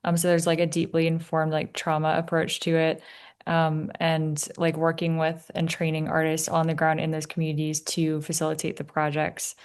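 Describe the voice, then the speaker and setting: A woman's voice: low-pitched, monotone, normal speed, clear, resonant tone. A woman in an art class sharing a friend's project on a video call, informal with likes and ums. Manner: informal, uses 'like' and 'um'. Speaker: class participant. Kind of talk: casual chat on a video call.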